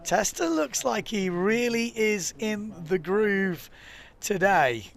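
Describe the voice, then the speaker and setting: A man giving live, chatty play-by-play commentary from a studio, with an excitable, filler-heavy delivery. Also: high-pitched, takes it slowly, creaky.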